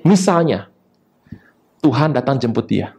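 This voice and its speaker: A man preaching a sermon, talking in a lively way with sudden high emphatic rises and quick asides. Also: gravelly. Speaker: pastor.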